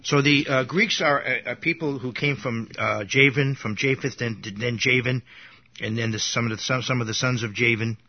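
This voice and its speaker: Husky-voiced man giving a rambling Bible lesson. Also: mid-range voice, steady tone, moderate pace. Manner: rambling, with frequent restarts and asides. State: coughing now and then. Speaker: Bible teacher. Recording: dull lo-fi recording.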